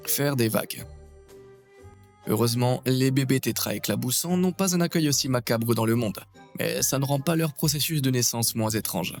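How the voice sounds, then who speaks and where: A man with a medium-pitched voice delivers scripted nature documentary narration. His manner is wry and playful. Soft music plays underneath his voice.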